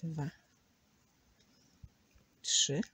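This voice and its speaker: A woman's voice: extremely slow, pushed and bright, slight background noise. A woman teaching a crochet tutorial, patiently counting stitches aloud and sometimes dropping to a near whisper. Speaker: crochet instructor.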